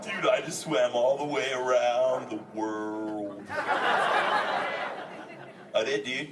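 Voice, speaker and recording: Brief: male actor as a chill surfer-slang sea turtle, bantering live with a crowd; pitched a bit high, heard from across an echoey, noisy hall. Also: expressive, moderate pace, lightly acted. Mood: excited. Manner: surfer slang, says dude constantly, jokey. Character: laid-back male green sea turtle, surfer dude. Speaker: live character performer talking with an audience. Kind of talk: improvised live audience interaction. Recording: echoey venue from a distance, audience chatter. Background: audience chatter and crowd noise.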